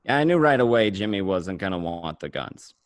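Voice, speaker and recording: Voicing a paranoid, streetwise gangster in a radio play, a man with a low-sitting voice narrates his day in the first person, fairly fast and with big pitch swings. His tone is coarse, conversational, and matter-of-fact, with no room sound in the recording.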